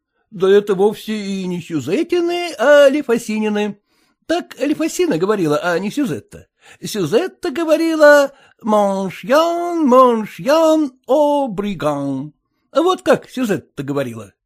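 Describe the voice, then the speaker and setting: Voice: mid-range voice, big pitch swings, normal speed, darkish tone. A reader voicing a newly married husband who coaxes and nags his wife in folksy, old-fashioned speech. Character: newly married merchant husband, pushy and coarse.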